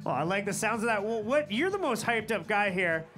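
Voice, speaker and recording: Upbeat male sports commentator, high voice. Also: big pitch swings, a little fast, fairly bright tone, soft background music. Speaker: event commentator. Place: outdoor ski event.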